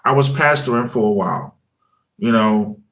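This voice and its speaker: A man in his forties, once a high school teacher and now running a music channel, tells his story casually in a mid-range voice at a moderate pace. His phrasing is loose and chatty, full of "you know what I mean," and he acts out things he once said in lively quoted asides.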